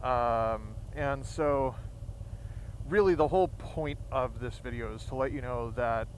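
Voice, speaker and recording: A middle-aged man giving a candid, earnest monologue to viewers in a halting way, speaking from inside a motorcycle helmet. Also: medium pitch, poor audio. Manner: halting, earnest, with long pauses. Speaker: motovlogger. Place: outdoors, riding a motorcycle. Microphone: close mic inside a motorcycle helmet. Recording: steady engine and road noise, inside helmet.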